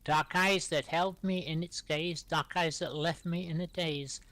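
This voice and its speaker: Between his own rhyming poems, which he reads aloud, a middle-aged host of a live-streamed poetry event calmly calls up the next reader. His voice is a little high and his pace unhurried, in a dry recording.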